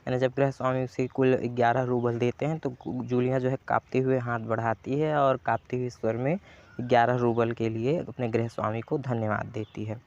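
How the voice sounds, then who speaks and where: Male teacher paraphrasing a story for students; mid pitch, dull recording. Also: level tone, normal speed, darkish tone. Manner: retells and paraphrases each line. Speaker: Hindi teacher. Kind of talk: explaining a story lesson.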